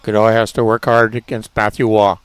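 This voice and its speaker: A man giving brief color commentary on a softball game. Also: lowish voice, little pitch movement, brisk, clear, resonant tone, no room sound. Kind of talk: live sports commentary.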